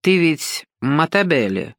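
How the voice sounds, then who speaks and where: A woman's voice: deep voice, sing-song, no room sound, studio quality, exaggerated voice. A woman voicing a sly, patronizing older man. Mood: coaxing, sly. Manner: slow, coaxing, patronizing, keeps saying "son".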